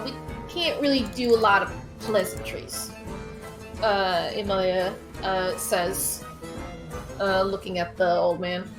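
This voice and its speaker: Woman tabletop player, mid-pitched, halting informal delivery, clear background music. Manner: hesitant, stop-and-start. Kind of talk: casual in-game chat and narration.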